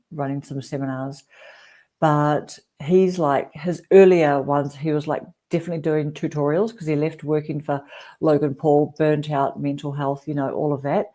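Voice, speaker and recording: A woman's voice: low voice, mellow. A woman in her forties with a New Zealand accent, hosting a casual livestream chat and telling rambling stories with lots of fillers. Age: 40s. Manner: chatty, rambling storyteller with frequent fillers. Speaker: livestream host.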